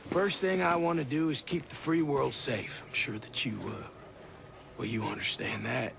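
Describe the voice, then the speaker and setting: A man's voice: medium pitch, lively intonation, moderate pace, vocal fry. An actor playing a self-assured male official in a video game cutscene, with noisy audio.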